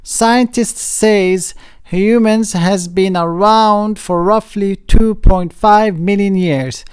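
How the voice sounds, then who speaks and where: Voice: mid-range voice, slow, a little mellow, clear, resonant tone. A channel host from North Africa giving an informal explanatory talk, partly read aloud, hesitant, with frequent fillers and restarts as they explain terms.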